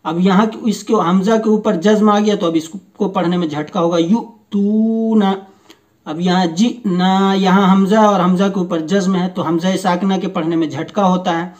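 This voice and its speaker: A man teaching Quran reading, slowly reading each word aloud and patiently explaining the rules. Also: high voice, steady tone, far from the mic. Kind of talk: slow step-by-step recitation lesson.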